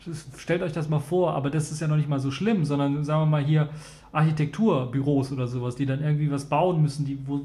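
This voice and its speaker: Chatty male podcast host, slightly high voice. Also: darkish tone. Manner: chatty, many filler sounds, addresses listeners directly. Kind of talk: casual tech news podcast.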